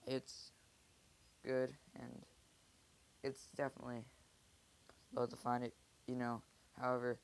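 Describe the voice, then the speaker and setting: A man who is sick, speaking softly and rambling hesitantly in a casual app review vlog. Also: mid-range voice, monotone, a little slow, vocal fry, long pauses, poor audio. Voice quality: soft-spoken, subdued. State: sick, keeping voice quiet.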